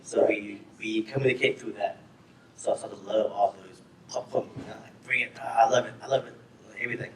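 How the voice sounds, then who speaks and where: A film director from Thailand, raised in Florida, talking casually at a festival Q&A and laughing often. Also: male voice, lowish voice, fairly even intonation, quick pace, slight background noise. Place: screening venue with audience. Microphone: far from the mic. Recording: echoey room, heard from a distance.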